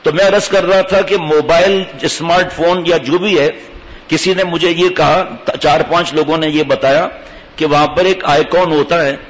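A man's voice: a little high, steady tone. Preacher man in an echoing hall. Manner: rhetorical questions to the congregation, pious phrases. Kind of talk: sermon. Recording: dull, long-reverb hall recording.

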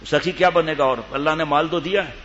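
A man's voice: on the high side, fairly even intonation, a bit bright. A man preaching a humorous sermon to a live audience, teasing his listeners and acting out the people in his stories. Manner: jokey, teases the listeners, acts out quoted people. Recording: reverberant hall, dull lo-fi sound, faint room noise.

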